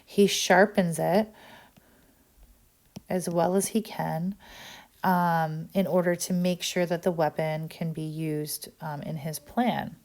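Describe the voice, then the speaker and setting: Woman teacher, lowish voice, explanatory, frequent "right?" checks, recorded lesson. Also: steady tone, slow pace, a little mellow.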